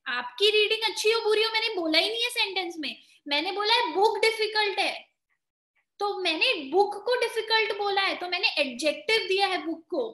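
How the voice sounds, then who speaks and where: A woman's voice: extremely high pitch, normal speed, bright, forceful tone, reverberant. A woman with an Indian accent teaching grammar in an online exam-prep lesson, explaining step by step and quizzing her students. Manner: explains in mixed Hindi and English, quizzing students.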